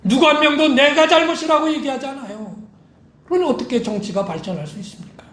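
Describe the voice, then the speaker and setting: A man's voice: extremely high pitch, fairly quick, fairly bright tone, echoey room, a little hiss or hum. A male pastor preaching a sermon with emphatic delivery, acting out quoted lines. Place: church sanctuary.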